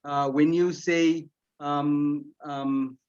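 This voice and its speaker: A man's voice: a little high, level tone, very slow, darkish tone, smooth, lo-fi sound. A man whose first language is Bengali explains pronunciation to teachers at an online forum, repeating words as he thinks. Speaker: presenter answering teachers' questions.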